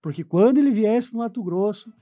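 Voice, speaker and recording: An expressive, high-pitched man with a dark tone talks a little fast. In his forties and with a southern Brazilian accent, he's a radio interview guest in the studio, recounting his story in a casual way.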